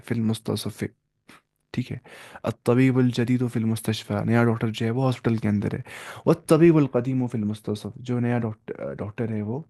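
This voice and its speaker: A man's voice: mid-range voice, dark tone, no echo. A man with a Pakistani Urdu accent teaching an Arabic grammar lesson. He reads Arabic phrases, then translates and repeats each one in Urdu.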